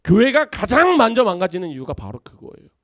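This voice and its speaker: A man's voice: sits high, wildly swooping pitch, fairly quick, a bit bright, no echo, clean studio sound. A pastor preaching a Sunday sermon, telling stories and acting out his friends' voices.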